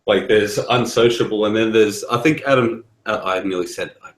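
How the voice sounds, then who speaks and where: A man's voice: fairly low pitch, moderate pace. A man in casual voice-call chat, hesitant and repeating words, his voice echoing in a room. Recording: roomy echo on call.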